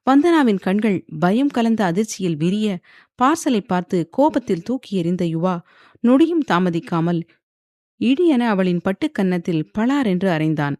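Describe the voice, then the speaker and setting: A woman's voice: mid-range voice, normal speed, dry recording, studio quality. Woman narrating a dramatic audio novel. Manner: steady dramatic reading. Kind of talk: scripted storybook narration.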